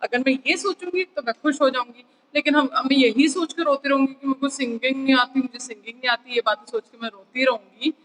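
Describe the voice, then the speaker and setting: A woman's voice: high-pitched, fast, few pauses, a bit bright, in a large hall, a little hiss or hum, poor audio. A woman teacher with an Indian accent teaching an online class, switching between Hindi and English and checking in with her pupils.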